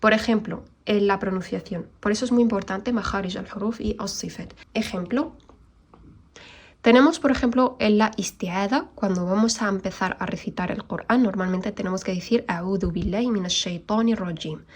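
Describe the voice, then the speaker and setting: A woman teaching an online recitation lesson, explaining patiently and modelling Arabic sounds slowly. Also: mid-range voice.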